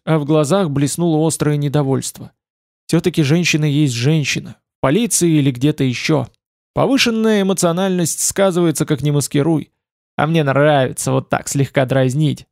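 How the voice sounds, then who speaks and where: A man narrating a novel in the first person, in a dry, wry, unhurried manner. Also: on the high side, a little mellow, no room sound. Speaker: audiobook narrator.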